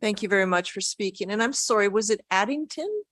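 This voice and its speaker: A woman's voice: mid-range voice, animated, a little fast, a bit bright, dry recording. A woman acting as mayor, chairing a council meeting in a polite, procedural way. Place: council chamber.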